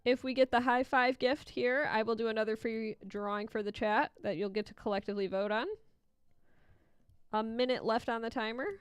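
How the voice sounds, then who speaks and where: Clear, high-voiced woman chatting on a livestream. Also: fairly even intonation, moderate pace, no room sound. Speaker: livestream host and Etch A Sketch artist. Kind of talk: casual livestream chat and running commentary to viewers.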